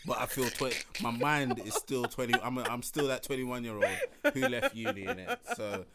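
A man's voice: medium pitch, animated, moderate pace, gravelly, over a noisy crowd. A man, co-hosting a casual podcast chat, joking and laughing often. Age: 30s. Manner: jokey, laughs often, slangy. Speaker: podcast co-host.

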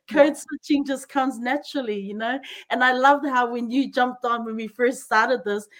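A woman's voice: sits high, animated, measured pace. A woman hosting a casual interview, speaking in an effusive, affirming way. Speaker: podcast host.

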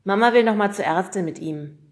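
A woman's voice: mid-range voice, a little fast, darkish tone, lightly acted. A woman voicing a shy, nervous schoolboy who stammers. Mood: chatty.

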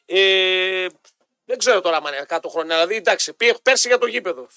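Male sports radio host, bright tone, dry studio sound, animated casual banter. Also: high voice, clear, resonant tone, no room sound. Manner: animated, quotes listeners' messages.

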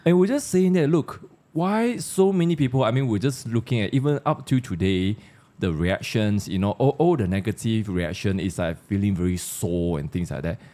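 A man with a Malaysian accent hosts a relaxed panel discussion, chatting and posing questions to his fellow panelists. His voice sits on the lower side and is expressive and warm, delivered at a normal speed.

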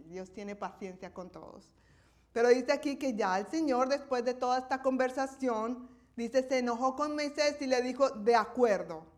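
Higher-pitched woman preaching a sermon. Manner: conversational, checks in with listeners.

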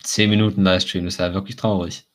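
A young man with a raspy, smoker-like voice, bantering casually as a podcast co-host and slipping English slang into his talk. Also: low voice, flat delivery, fast talker. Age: teenager or young adult.

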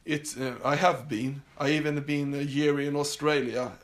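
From his summer house, a male podcast host from Sweden talks casually on his own, his Swedish accent clear and his speech full of fillers and restarts. His voice is fairly high in pitch, level in tone, and moderately paced.

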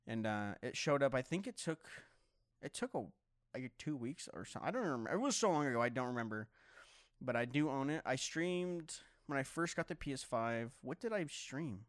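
A man's voice: medium pitch, expressive, normal speed, no echo, studio quality. A young man streamer chatting casually to viewers, rambling and swearing, often stumbling over his words. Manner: rambling, profane, stammering restarts.

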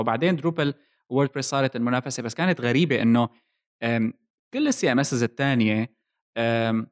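Male podcast host, Levantine Arabic accent, medium pitch, brisk delivery, casual explainer mixing English tech terms.

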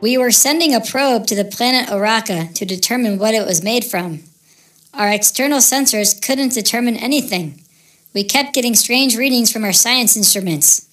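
A woman's voice: a little high, moderate pace, lightly acted. A woman voicing a friendly, earnest alien traveler who explains things in a polite, formal way. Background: soft music.

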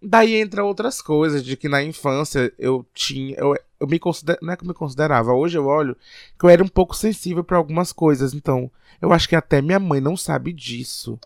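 A man talks casually on a podcast, reflective and a little hesitant as he thinks aloud. His voice sits a touch high. The sound is dry and close, with no room around it. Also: a little fast, vocal fry, dry recording. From Piauí, Brazil. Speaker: podcast co-host.

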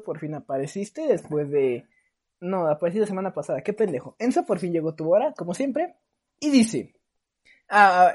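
A young man with a Mexican accent telling stories on a podcast, animated and swearing, teasing his friends. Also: high-pitched. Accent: Mexican Spanish. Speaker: podcast co-host. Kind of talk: casual storytelling chat.

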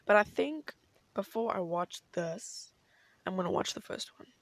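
A woman's voice: mid-range voice, animated, a little slow, no echo. A young woman chatting casually as a solo podcast host in a bubbly, gushing, girlish way, peppering her talk with filler words.

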